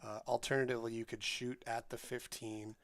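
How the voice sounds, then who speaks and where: A man giving relaxed live commentary on a pool match, chatty and joking, greeting viewers in the chat. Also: medium pitch, brisk, creaky, no room sound.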